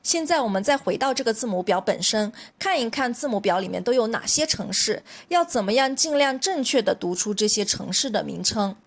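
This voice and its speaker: A woman's voice: on the high side, animated, a little fast, few pauses. A woman language teacher with a Mandarin Chinese accent, patiently explaining a lesson in careful steps.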